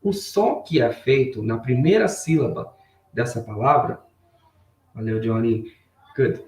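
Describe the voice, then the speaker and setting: A man teaching a live online English lesson, switching between Portuguese and slowly spoken English phrases and greeting viewers in the chat. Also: mid-range voice, lively intonation, darkish tone. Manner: bilingual, repeats English phrases slowly for learners. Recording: roomy sound, mic a bit far off.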